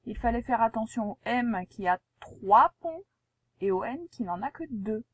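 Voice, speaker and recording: A woman's voice: on the high side, expressive, measured pace, slightly rough, dry recording. A woman teacher giving a spelling lesson and dictation to a young pupil, articulating carefully, spelling out letters and asking the pupil patient questions.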